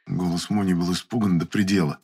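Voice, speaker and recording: A man with a very low voice reads an audiobook in the first person. His delivery is wry and even-paced, the steady style of a storyteller. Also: brisk, husky. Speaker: audiobook narrator.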